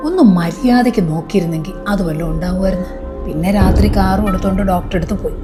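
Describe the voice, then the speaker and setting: A woman's voice: on the low side, fast talker, over music, natural voice. An actress playing a domineering older mother-in-law who keeps scolding her daughter-in-law in a short film. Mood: gossiping.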